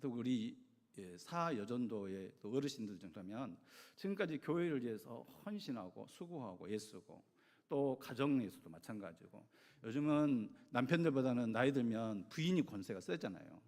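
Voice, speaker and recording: A middle-aged male pastor giving a sermon, telling a story with lively acted-out quotes. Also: medium pitch, moderate pace. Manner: animated storytelling, acting out voices in quotes. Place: church sanctuary. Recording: long church hall reverb.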